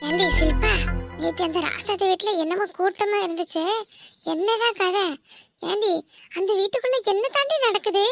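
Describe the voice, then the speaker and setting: A woman's voice: extremely high pitch, normal speed, faint music behind. A woman voicing nosy village women in a cartoon, gossiping scornfully about a neighbour's household. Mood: gossipy. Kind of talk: cartoon voice acting.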